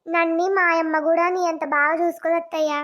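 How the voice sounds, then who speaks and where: Woman voicing a stern, very high young wife. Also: flat delivery, fairly quick. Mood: polite. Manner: scolding, blunt village speech. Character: stern young wife, sharp-tongued when crossed. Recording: dull lo-fi cartoon audio.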